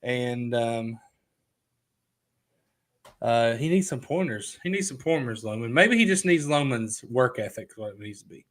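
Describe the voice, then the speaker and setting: A talkative man hosting a live show, chatting loosely at a middling pitch. He reads comments aloud and hops from one topic to the next in an unscripted, everyday way. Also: lively intonation, unhurried, pauses often. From Kentucky. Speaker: livestream host. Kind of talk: casual live chat.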